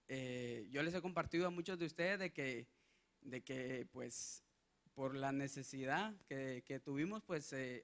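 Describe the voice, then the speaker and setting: A young Guatemalan man giving an earnest testimony sermon, halting often with restarts and fillers. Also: medium pitch, a bit bright. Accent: Guatemalan Spanish. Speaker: lay preacher.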